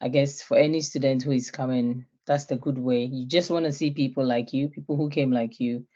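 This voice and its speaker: A woman's voice: rumbling low, fairly even intonation, fairly quick, dark tone, muffled recording. A young woman from Ghana, a guest in an online interview, introducing herself in a friendly way with many filler sounds and easy laughter.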